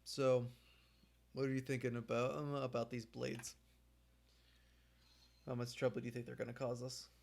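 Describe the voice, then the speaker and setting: Gravelly man speaking earnestly in character. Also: medium pitch, little pitch movement, moderate pace, pauses often, a little mellow. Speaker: player. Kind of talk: in-character tabletop roleplay.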